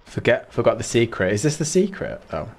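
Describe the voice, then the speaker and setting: Excitable Mancunian gamer with wildly swinging pitch. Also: male voice, fairly quick, a little hiss or hum. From Manchester, England. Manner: excitable and dramatic, swinging from squeals to mutters, talks to chat. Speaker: streamer. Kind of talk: casual game streaming chat.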